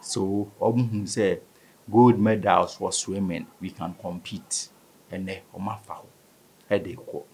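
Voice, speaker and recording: A man in his thirties with a Ghanaian West African accent speaks conversationally as a guest in a sports interview, mixing Twi and English. His voice sits low, steady, slow, darkish, and slightly rough, captured by a table-stand studio microphone in a small indoor studio.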